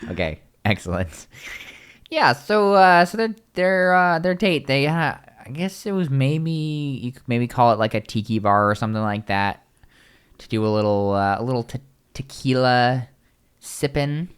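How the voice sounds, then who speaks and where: Casual male podcast host, animated swinging pitch, rambling delivery. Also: clear, resonant tone. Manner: rambling, quick asides and many restarts.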